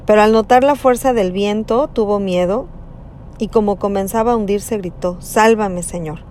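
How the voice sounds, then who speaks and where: A woman giving a slow, conversational reflection on a Gospel passage, often adding tag questions. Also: mid-range voice, darkish tone, a little hiss or hum. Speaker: preacher.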